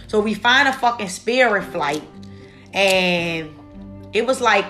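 A young woman tells a travel story straight to her viewers, swearing freely and full of disbelief. Her voice sits at an ordinary middle pitch, and faint music plays behind her. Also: takes it slowly. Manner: profane, animated, talks straight to viewers. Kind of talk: casual storytime vlog.

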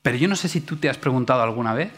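A man's voice: medium pitch, lively intonation, very fast. A man giving a reflective, sermon-like talk, asking his listeners rhetorical questions. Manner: asks rhetorical questions to the audience. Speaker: speaker.

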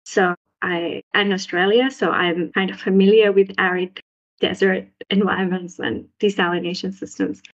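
A woman's voice: level tone, normal speed. A young woman from Sri Lanka, a postdoc researcher, answering interview questions casually with many restarts and fillers. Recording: muffled low-fidelity audio.

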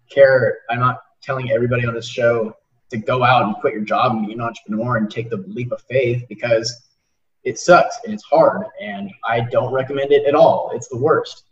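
A man in his twenties hosting a podcast, talking earnestly in a rambling way with lots of repeated words. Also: mid-range voice. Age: 20s. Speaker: podcast host. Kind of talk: casual interview chat. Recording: roomy, distant, dull sound.

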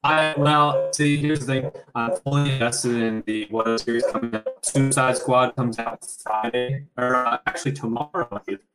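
A man's voice: medium pitch, fairly even intonation, normal speed, hardly any pauses, loud music behind the voice. A man hosting a casual podcast chat over an internet call, talking in a loose, rambling way with some swearing. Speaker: podcast host.

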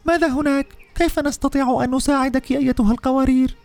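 A man's voice: very high-pitched, fairly even intonation, fast talker, a little mellow, soft background music, pitched above the performer's own voice. A man voicing an eager, caring little female sparrow in a bedtime storybook. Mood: concerned.

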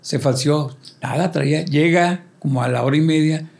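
An older man telling lively stories as a band member, acting out quoted voices and sound effects in casual talk. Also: a little high, normal speed, vocal fry. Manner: animated storyteller, acts out quotes and sound effects. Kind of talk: casual storytelling interview.

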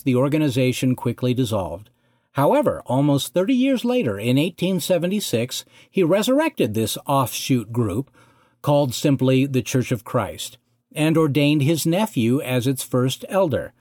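A man giving a scripted historical narration in a measured, deliberate way. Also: mid-range voice, darkish tone, no echo, studio quality.

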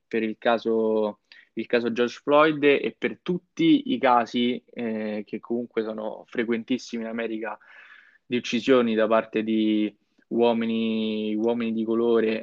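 A man's voice: medium pitch, dry recording. A young man co-hosting a casual news chat, speaking hesitantly with lots of fillers. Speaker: co-host. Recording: dull, dry lo-fi recording.

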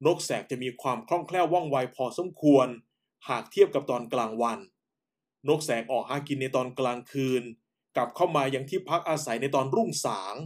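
A man hosting and narrating in a calm, unhurried radio style, using polite particles as he tells a story. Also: on the high side. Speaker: host.

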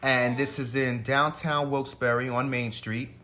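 A man's voice: mid-range voice, little pitch movement, a little slow, sharp tone, slight background noise. A young adult man co-hosting a casual food vlog, easygoing and hesitant, with many ums. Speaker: co-host.

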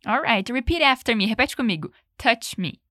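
A woman's voice: on the high side, lively intonation, a bit bright, no room sound. Dry-voiced woman teaching English phrases. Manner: clear, encouraging, slows down to model pronunciation. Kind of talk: bilingual language lesson, repeat-after-me drills.

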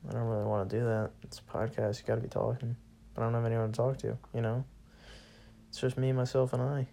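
A man's voice: medium pitch, flat delivery, quick pace, vocal fry, dark tone, slight background noise. A young man hosting a solo podcast, ranting casually and sarcastically with lots of swearing. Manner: profane, bored and sarcastic, laughs often.

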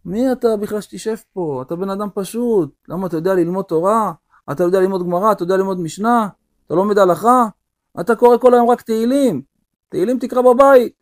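A male teacher voicing a scornful rich man who shouts at a poor guest to leave. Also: high voice, voice pushed up, natural voice. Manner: indignant, raised voice.

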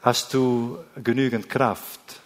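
Slow preacher in a hall. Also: male voice, little pitch movement. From Netherlands. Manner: slow, deliberate, with long pauses and soft low endings. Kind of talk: sermon. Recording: long hall reverb.

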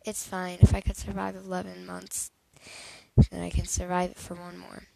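A woman's voice: on the low side, monotone, moderate pace, vocal fry, dark tone, dry recording, rough recording. A woman voicing a sick, secretive teenage boy in a fan fiction reading, speaking in a weak, pleading way.

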